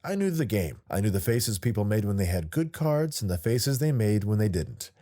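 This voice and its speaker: A man's voice: fairly low pitch, big pitch swings, normal speed, dark tone. A man, the author, narrating his own audiobook in a wry first-person storytelling manner.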